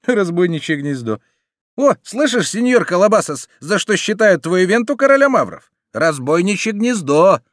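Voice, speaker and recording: A man's voice: high voice, very animated, moderate pace, no echo, studio quality, pitched above the performer's own voice. A man voicing a sly, mocking bandit. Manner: mocking, persuasive. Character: sly mocking male bandit, smooth-talking.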